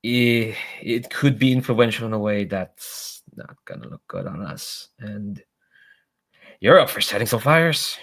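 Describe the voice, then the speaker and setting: A harried goddess of rumor from a tabletop game, acted out by a man. The voice sits fairly low and talks in casual, gossipy fragments, with weary sighs and hesitations. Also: very animated, unhurried, gravelly, a bit bright, heavily acted. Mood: coaxing. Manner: sighing, hesitant, colloquial.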